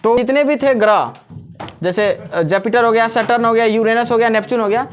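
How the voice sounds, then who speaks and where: A man's voice: very high-pitched, fairly quick, a little hiss or hum. Joking male teacher with a Jharkhand accent. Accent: Jharkhand Hindi. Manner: joking, chatty, quizzes the class. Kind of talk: classroom lecture. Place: coaching classroom.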